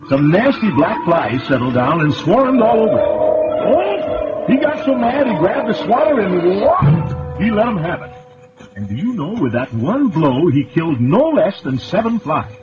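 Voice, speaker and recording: A man narrating a children's story in a folksy way with chatty asides and chuckles, heard on a very old recording. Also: fairly high pitch. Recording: dull old recording with loud music.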